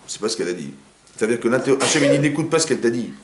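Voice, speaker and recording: A rabbi runs an informal Torah session in the living room of a private home, talking rapidly with animation and firing off rhetorical questions to the group. His voice sits at medium pitch, and the roomy recording has a noisy background.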